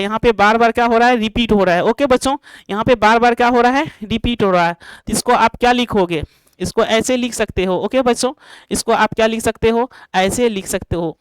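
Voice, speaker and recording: Despite poor audio, this woman's fairly high voice comes through clear and resonant, with no room sound. Teaching math to students online, she drags out her explanations, repeats herself, answers her own rhetorical questions, and regularly checks in with the class.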